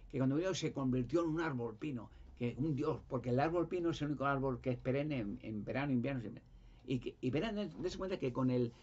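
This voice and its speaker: Man with a husky, mid-pitched voice, rambling insistently, on a muffled lo-fi recording. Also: darkish tone. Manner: emphatic, repetitive, restarts words. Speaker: conspiracy talk guest. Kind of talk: rambling monologue. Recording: dull lo-fi sound.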